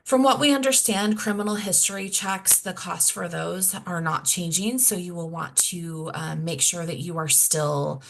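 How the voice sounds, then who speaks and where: A woman presenting a grant webinar over a video call, explaining deadlines and budgets plainly, losing her voice and clearing her throat. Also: fairly low pitch, normal speed, hardly any pauses, background noise. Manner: plain, explanatory, self-correcting. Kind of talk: technical assistance webinar.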